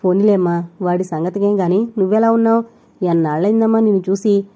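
A woman voicing a lively, affectionate young wife who talks eagerly, in an audio novel. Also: medium pitch, fast talker, highs cut off, natural voice. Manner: eager, chatty.

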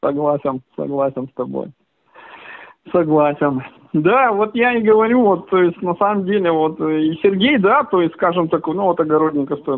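A man's voice: on the high side, no room sound. A man from Russia on a casual phone call, agreeable and rambling, with many hedging filler phrases. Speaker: caller. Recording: tinny, dry phone line.

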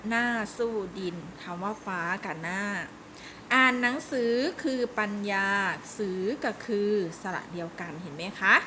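A woman's voice: medium pitch, sharp tone, slight background noise. A woman teaching a recorded lesson to young primary pupils, explaining patiently and step by step. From Thailand. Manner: patient, explains step by step with frequent polite particles.

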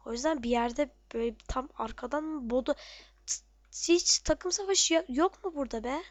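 A woman giving casual, excitable commentary on her own gameplay, muttering to herself and shouting at enemies. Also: high-pitched, moderate pace, no room sound.

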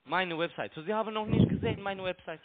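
A fast-talking man with a high-sitting voice argues on the phone, the line narrowband and tinny. He's a non-native speaker, not German by first language, working as a phone broker and scammer, insisting in broken sentences and repeating himself.

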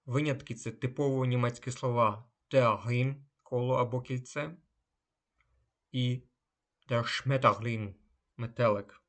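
A man's voice: medium pitch, steady tone, fairly bright tone. A man teaching a language lesson, drawing out each German example word before giving its meaning. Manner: slow, drawn-out German example words. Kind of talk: unhurried lesson.

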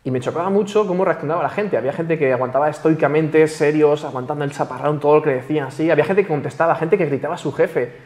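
A man speaking at a brisk, rushing clip, his voice sitting a little high for a man. He is a self-esteem coach on a panel talk show, and he explains eagerly, slipping into the voices of people in his examples. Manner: animated, acts out quoted everyday dialogue.

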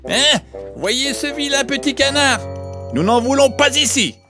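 A man's voice: extremely high pitch, expressive, unhurried, sharp tone, soft background music, voice pushed up, full character voice. A man voicing spiteful gossiping female ducks in a storybook.

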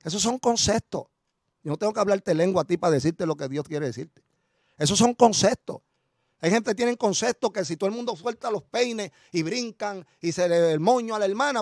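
Middle-aged Puerto Rican male pastor, high voice, animated storytelling sermon, dry sound. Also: no echo. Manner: animated storytelling preacher, chuckles, addresses congregation as brother.

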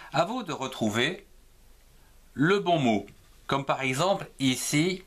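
A man teaching a slow reading lesson for early readers. He spells letters one at a time in a sing-song voice, rising on each letter and falling as he blends the syllable. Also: mid-range voice, fairly bright tone.

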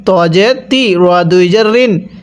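A man teaching Quran reading who spells out each syllable and then chants the verse slowly for students to repeat. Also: sits high, clear, resonant tone. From Bangladesh.

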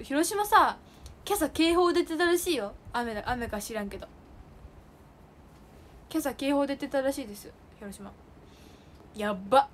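A young woman chatting casually with viewers on a solo livestream, bubbly and giggly, indoors while heavy rain falls outside. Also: on the high side. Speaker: idol livestream host. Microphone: phone or streaming mic.

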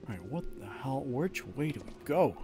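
A video game streamer speaks in a medium-pitched voice with big pitch swings at a moderate pace, over game music. He gives casual live gameplay commentary, thinking aloud in short, slangy remarks.

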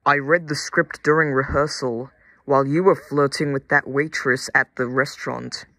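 A man's voice: medium pitch, steady tone, moderate pace, pushed and bright, no room sound. A man voicing a lazy, defiant male toy train engine who answers back with sarcastic, dismissive retorts. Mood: defiant smug.

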